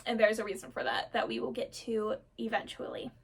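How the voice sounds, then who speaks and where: A woman vlogger sits in front of her camera and rambles happily about her characters, gushing and rushing her words. Her voice sits a little high. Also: steady tone, gravelly, slightly rough. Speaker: storyteller vlogger. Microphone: camera mic, seated on camera.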